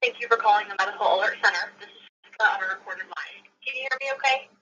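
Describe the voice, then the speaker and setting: A woman's voice: mid-range voice, racing, bright, forceful tone, a little hiss or hum. A woman's voice on a recorded phone message, reading scripted prompts over a phone line. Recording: tinny phone line played on speaker.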